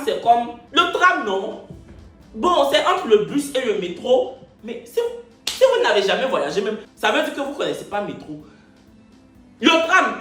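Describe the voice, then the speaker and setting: A man's voice: high voice, echoey room. A man in his twenties with an Ivorian French accent, telling a comic story from his life on his video channel. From Ivory Coast. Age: 20s. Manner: animated, joking, repeats phrases. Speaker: YouTuber.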